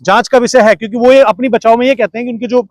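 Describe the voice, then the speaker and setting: A man with a high voice argues his case in a heated interview, piling up rhetorical questions and pushing back when interrupted. His voice sounds close and dry. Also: fairly even intonation, rapid-fire, no room sound. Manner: argumentative, fires rhetorical questions, keeps talking over interruptions. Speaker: interview guest.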